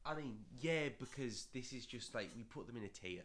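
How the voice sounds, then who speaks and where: A man's voice: mid-range voice, lively intonation, brisk, fairly bright tone. A young man hosting a podcast in casual chat, rambling, correcting himself and swearing offhandedly. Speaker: podcast host.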